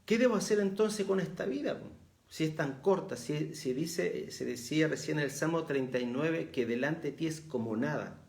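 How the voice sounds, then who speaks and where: A man's voice: a little high, animated, normal speed, gravelly, darkish tone. A middle-aged man with a Chilean accent, preaching a reflective sermon and rising in emphasis as he reads verses aloud. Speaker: pastor.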